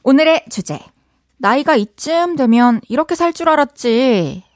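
A woman hosts a casual radio chat in a dry, close studio sound. Her voice is a touch high and very lively, bouncing up and down as she reacts and reads listener letters. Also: unhurried, no room sound. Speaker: radio host.

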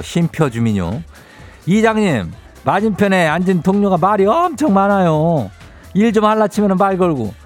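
A man speaking in a Chungcheong Korean accent hosts a radio call-in show in a high voice. He reads listener messages aloud and answers with teasing, homespun advice, drawling in a folksy, chatty way.

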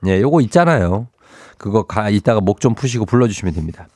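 A man's voice: lowish voice, expressive, a little fast, dark tone, no room sound. A man hosting a morning radio show, chatting playfully and reading listener texts aloud. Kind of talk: casual morning radio chat. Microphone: studio microphone.

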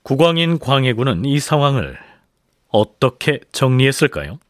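A male documentary narrator with a medium pitch and animated intonation. He tells history dramatically and rhetorically, in a dry, close recording. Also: normal speed, dry recording. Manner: rhetorical, storytelling.

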